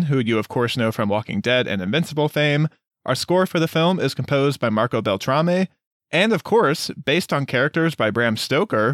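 A man's voice: medium pitch, a bit bright, no echo, clean studio sound. A man co-hosting a casual film review, speaking in a blunt, opinionated way. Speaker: podcast co-host.

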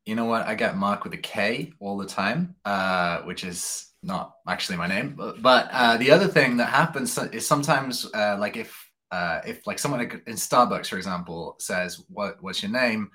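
A man chatting as a podcast guest, telling anecdotes in a relaxed, chatty way and laughing easily. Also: on the low side, normal speed, hardly any pauses. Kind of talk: casual chat.

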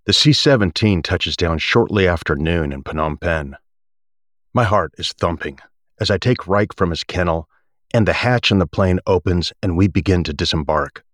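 A man reading a first-person memoir aloud as an actor would, in a measured, deliberate way. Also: sits low, fairly bright tone, no room sound, clean studio sound. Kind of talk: audiobook-like dramatic reading of a memoir.

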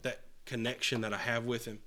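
Forceful, bright-voiced male preacher. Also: medium pitch, level tone, brisk. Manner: earnest, repeats and restarts phrases, swings between loud and soft. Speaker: pastor. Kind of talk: sermon. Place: church hall with a congregation answering.

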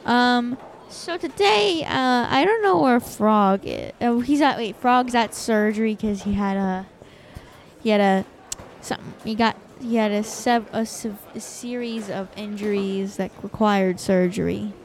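A woman's voice: mid-range voice, unhurried, a little hiss or hum. Hesitant woman hosting a toy bowling game. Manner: hesitant, many fillers. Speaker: host. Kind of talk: casual toy play commentary.

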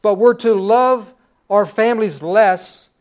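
A man's voice: sits high, slow pace. A middle-aged man preaching a sermon in a folksy storytelling way, with personal asides.

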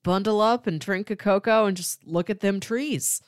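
A woman co-hosts a podcast, chatting casually and conversationally in a mid-range voice at normal speed. The sound is clean studio audio with no echo.

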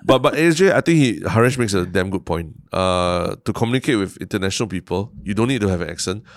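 A man with a Singaporean English accent, co-hosting a podcast in relaxed, rambling casual chat that is full of "lah" and "lor". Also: low voice, fast talker, no echo, studio quality. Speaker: podcast co-host.

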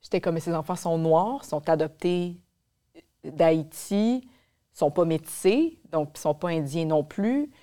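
Woman, Québécois accent, low voice, mellow tone, candid podcast chat. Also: animated, a little slow. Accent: Québécois French. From Quebec. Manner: reflective, candid, with frequent fillers. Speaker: podcast guest. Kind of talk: casual podcast conversation.

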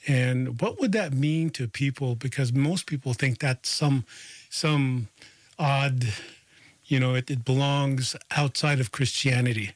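A male radio host speaking slowly and thoughtfully, often repeating words as he searches for the next phrase. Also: mid-range voice, no room sound. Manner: slow, searching, repeats words while thinking. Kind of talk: radio interview.

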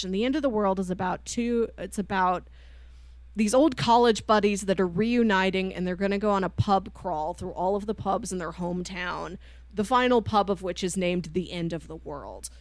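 A medium-pitched woman co-hosts a podcast, chatting casually and enthusiastically as she pitches films to her co-host. There's no room sound on her voice.

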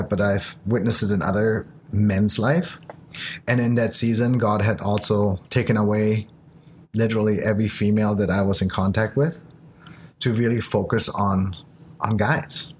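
A man born in Japan and raised in Germany, speaking English as his third language and sharing a halting, earnest testimony in casual conversation. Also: lowish voice, steady tone, slight background noise. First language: not English.

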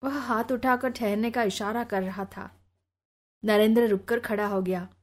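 Woman narrating a novel, fairly high. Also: measured pace. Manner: even, literary reading. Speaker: audiobook narrator. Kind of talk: scripted narration.

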